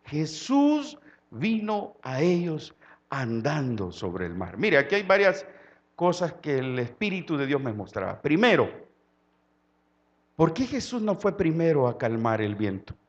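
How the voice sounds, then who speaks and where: High-voiced Salvadoran preacher, fervent. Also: male voice, wildly swooping pitch, a little slow, lo-fi sound. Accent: Salvadoran Spanish. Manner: swings from quiet low tones to loud impassioned preaching. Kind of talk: sermon.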